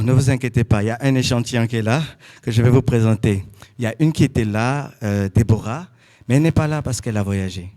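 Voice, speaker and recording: A man's voice: medium pitch, mellow, close to an everyday voice. A man playing a teasing Congolese brother presenting his family in a drama, speaking in short phrases with wry asides.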